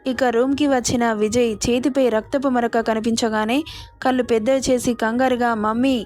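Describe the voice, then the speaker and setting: A woman narrating a romance story in a steady, expressive storytelling manner. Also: on the high side, normal speed, faint music behind.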